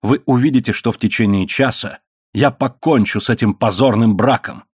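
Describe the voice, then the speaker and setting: A man's voice: mid-range voice, normal speed, slightly rough, no echo, studio quality, natural voice. A man putting on an indignant English knight. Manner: raised, forceful, incredulous outbursts. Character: indignant middle-aged English knight, quick to anger.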